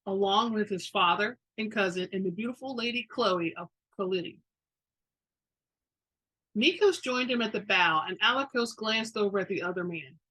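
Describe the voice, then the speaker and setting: Bright-voiced woman reading a story dramatically. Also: medium pitch, poor audio. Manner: informal asides, stumbles over words. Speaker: reader of a romance fantasy novel.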